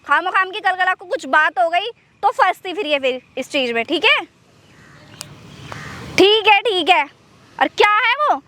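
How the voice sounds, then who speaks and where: Very high-pitched, bright young woman. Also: expressive. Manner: scolding and pleading by turns, quick emotional outbursts. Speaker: skit performer. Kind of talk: acted phone-call skit.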